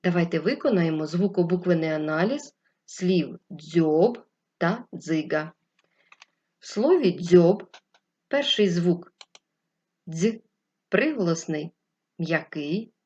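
Woman teacher talking slow n patient to little kids, bit husky, dull lo-fi sound. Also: on the low side, lively intonation, a little mellow. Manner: slow, clear, patient teacher's speech to children. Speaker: first-grade teacher. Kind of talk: distance-learning literacy lesson.

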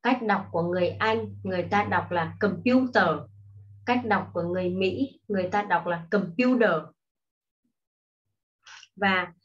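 A woman teaching a primary school English lesson online, explaining patiently and slowly to children. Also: lowish voice, steady tone. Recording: dull lo-fi recording.

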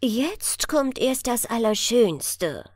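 A woman voicing a gallant young elf prince who speaks courtly and slowly in a storybook. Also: fairly high pitch, sing-song, a little mellow, no echo, studio quality, exaggerated voice. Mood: gallant, excited. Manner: courtly, slow and charming.

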